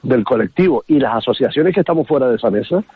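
A man's voice: mid-range voice, lively intonation, quick pace, breathy edge, no echo. A man with a Canarian Spanish accent, speaking as a taxi association spokesman in a phone-in radio interview, emphatic and often restarting his sentences. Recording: tinny phone line.

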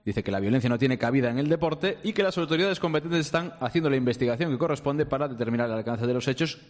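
A man co-hosting a sports radio show, briskly reading out news and club statements. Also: mid-range voice, big-room sound. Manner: brisk, reads statements aloud.

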